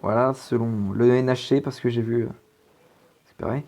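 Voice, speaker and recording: A man's voice: medium pitch, fairly even intonation, moderate pace, darkish tone. Hesitant man giving a weather update. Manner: hesitant, many fillers and restarts. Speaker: amateur weather presenter. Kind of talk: casual forecast commentary over weather maps.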